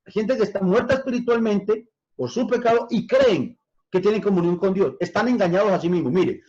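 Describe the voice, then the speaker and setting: A man with a notably high voice teaches scripture as a pastor, calling his listeners brothers and putting questions to them. He drags out key words slowly to press a point. The recording sounds dull and lo-fi. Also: a little mellow. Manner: addresses listeners directly as brothers, asks questions.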